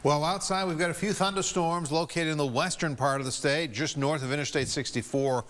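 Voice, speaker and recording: A man's voice: fairly high pitch, fairly even intonation, fairly quick, fairly bright tone. An American man presenting a television weather forecast in loosely ad-libbed commentary. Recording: long reverberant room sound.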